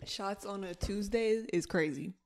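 A woman with a mid-pitched voice hosts a casual podcast. She talks informally to her co-host and listeners, leaning on slang and swearing freely. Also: measured pace, darkish tone, a little hiss or hum. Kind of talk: casual chat.

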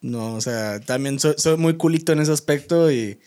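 A man's voice: a little high, a little mellow, smooth. Laid-back Mexican man, podcast co-host. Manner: laid-back, slangy, quick to laugh. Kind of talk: casual chat.

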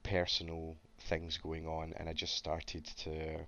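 A man's voice: a bass voice, completely flat delivery, slow pace, pushed and bright, highs cut off. A man hosting a casual crypto Q&A, rambling with many stammered restarts and a slight cough. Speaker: crypto AMA host. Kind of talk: casual live Q&A chat.

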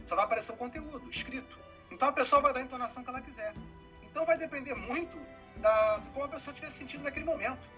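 A man's voice: very high voice, rapid-fire, music in the background, poor audio. A man hosting a casual discussion, explaining ideas thoughtfully. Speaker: host.

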